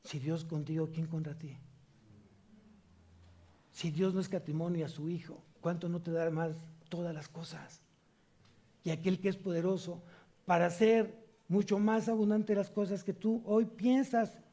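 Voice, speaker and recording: Pastor, male, high and mellow voice, emphatic sermon delivery with questions to the congregation. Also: little pitch movement. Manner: preaching with rhetorical questions to the congregation; slow emphatic reading of scripture. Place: church service.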